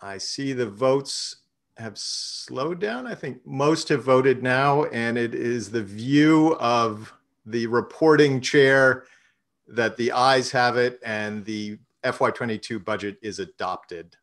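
A man serving as treasurer presents a budget and runs a vote at an online council meeting, speaking in a measured way with many fillers and restarts. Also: medium pitch. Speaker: treasurer and finance committee chair.

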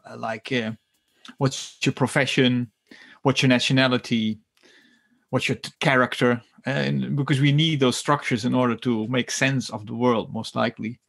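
Middle-aged guy on a podcast, kinda gravelly, talks slow and careful with lots of ums. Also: medium pitch, steady tone, a bit bright. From Netherlands and Germany. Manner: thoughtful, hesitant, with many fillers and restarts. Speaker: guest. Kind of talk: conversational interview.

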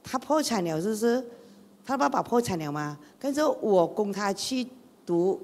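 A middle-aged woman tells her life story as a church testimony, in a chatty way full of rhetorical questions. Her voice has a gravelly edge. Her words ring out with a long reverb in a church hall. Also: medium pitch, animated, normal speed, a little mellow. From Malaysia. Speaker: guest speaker.

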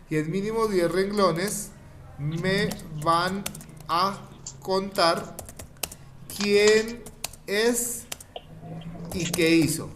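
A man's voice: on the high side, noisy background. A man teaching an online class, patiently repeating each step for children. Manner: patient, repeats steps slowly, coaxing.

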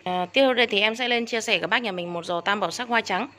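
A woman rattles along at a quick clip, talking straight to her viewers as she shows her orchids. She sounds indignant and keeps circling back over the same points, her voice sitting at an ordinary middle pitch. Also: pushed and bright, slight background noise. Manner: indignant, repeats herself, addresses viewers as elders. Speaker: orchid seller. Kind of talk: casual sales video talk to viewers.

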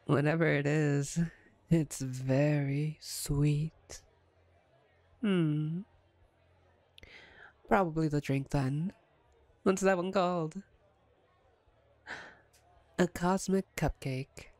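A woman's deep, dark voice brings a flirtatious vampire captor to life in ASMR roleplay. She's playful and smug, teasing with wry, slow-paced delivery, and the recording has no room sound.

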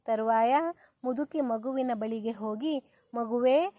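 Slow, high-voiced woman reading a story. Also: no echo, highs cut off. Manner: slow, even storybook narration.

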